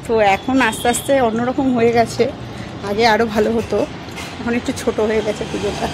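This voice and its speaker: A woman's voice: on the high side, fairly even intonation, fairly quick. A young woman chatting casually to her viewers as she walks outdoors, filming a vlog on a handheld camera. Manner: chatty, talking to viewers while walking. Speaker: vlogger. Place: outdoors in a neighbourhood during a festival. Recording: noisy outdoor street recording. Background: street ambience with vehicles.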